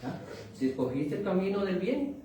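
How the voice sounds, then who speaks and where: A male minister giving a sermon, preaching in a drawn-out way and often asking the crowd "right?". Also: sits high, big pitch swings, warm tone. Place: church hall. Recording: echoey church hall, far from mic, noisy.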